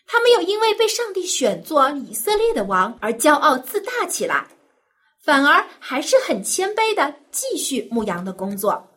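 A woman with a high, very lively voice tells a story to little children. She speaks gently and simply, as if reading to a toddler, addressing the young listeners directly as their storyteller. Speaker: children's Bible story host.

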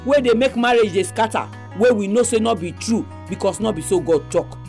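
A woman's voice: mid-range voice, fairly quick, darkish tone. Nigerian Pidgin-speaking woman hosting, music behind. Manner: speaks Nigerian Pidgin, addressing listeners directly. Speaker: radio program host.

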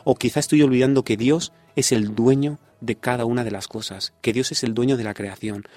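A man's voice: medium pitch, steady tone, fairly quick, a little mellow, dry recording. Man teaching the Bible. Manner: explanatory, quotes scripture, addresses listeners with "fijaros". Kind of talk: Bible study radio talk.

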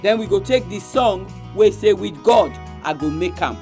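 A woman's voice: medium pitch, lively intonation, normal speed, warm tone. Nigerian Pidgin woman hosting over music. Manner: direct address to listeners. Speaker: radio programme host. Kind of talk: religious radio talk for women.

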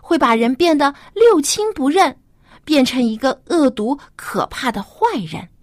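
A woman with a fairly high, animated voice hosts a children's Bible program. She speaks as if reading to a toddler, putting simple questions straight to the little listener. The sound is dry and close. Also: unhurried, no echo. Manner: addresses small children directly with simple rhetorical questions.

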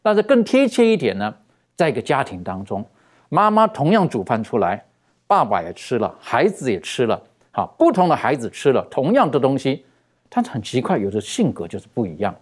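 A man giving a sermon, talking in an animated, conversational way with many fillers and drawn-out emphasis. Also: mid-range voice. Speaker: preacher.

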